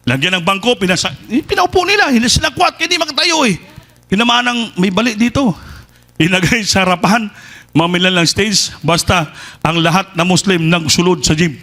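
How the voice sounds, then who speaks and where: A male preacher delivers a testimony sermon. His voice sits high and bright, with a forceful edge. He is animated, and he acts out the people in his story as he tells it. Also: fairly quick. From Philippines. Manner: lively storytelling, switches between Tagalog and Visayan, acts out quoted people.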